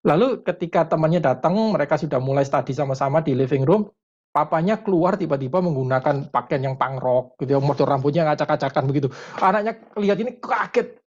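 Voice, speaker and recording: A man's voice: on the high side, a little mellow, muffled recording. Man giving parenting advice over a video call. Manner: thoughtful, pauses with many fillers, mixes in English terms. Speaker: parenting educator answering questions. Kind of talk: webinar consultation answer.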